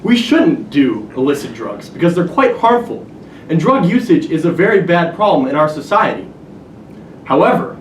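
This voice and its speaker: Animated young man giving a persuasive speech. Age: 20s. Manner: earnest, argumentative with dry humor. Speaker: student contest speaker. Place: university lecture hall. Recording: echoey hall from far off with faint rumble.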